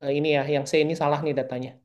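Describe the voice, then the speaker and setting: A man's voice: fairly high pitch, little pitch movement, rapid-fire, darkish tone. A man leading an online work meeting, explaining requirements step by step, his call audio cutting out and breaking up. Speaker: government procurement official leading an online review meeting.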